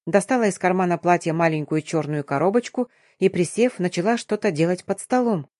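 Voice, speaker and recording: A woman narrating a novel in first person, in a brisk, tense storytelling style. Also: lowish voice, mellow, dry recording, studio quality. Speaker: audiobook narrator.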